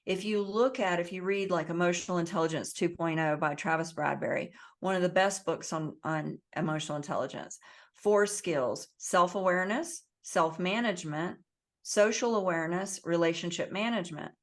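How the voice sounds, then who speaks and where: A woman's voice: on the low side, moderate pace. A woman being interviewed as an author, talking earnestly in a coaching tone and acting out the voices she quotes. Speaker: author, guest. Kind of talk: interview conversation. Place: based in the Southwest US.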